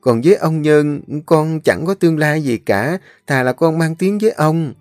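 A man's voice: fairly high pitch, animated, normal speed, darkish tone, no room sound, clean studio sound, soft background music, pitched above the performer's own voice, natural voice. A man voicing a young woman who keeps ducks, earnest and pleading. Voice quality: raised, pleading tone. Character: young countrywoman duck-keeper, earnest and pleading.

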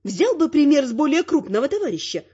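High-voiced woman reading a story. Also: fast. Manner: wry, expressive storytelling. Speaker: audiobook reader. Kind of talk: first-person fantasy audiobook narration. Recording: slightly dull lo-fi sound.

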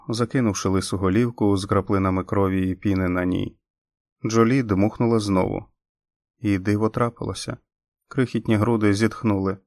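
A man narrating an audiobook in a steady, measured reading. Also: lowish voice, no room sound, studio quality. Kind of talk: scripted narration.

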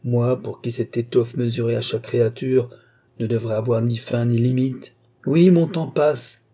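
Guy putting on a raging old alchemist for an audiobook, high-pitched shrieky rant, dark husky edge under it. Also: normal speed. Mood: furious. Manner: shrill ranting invective. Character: ancient furious male alchemist master.

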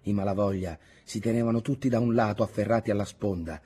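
A man reading a classic novel aloud as an audiobook, in a dramatic, measured way. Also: lowish voice, mellow, husky, soft background music. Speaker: audiobook reader. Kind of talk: scripted narration of a classic novel.

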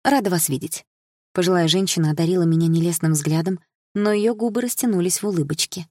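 A woman reading a first-person novel aloud in an even, measured way. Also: lowish voice, dry recording, studio quality. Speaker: audiobook narrator.

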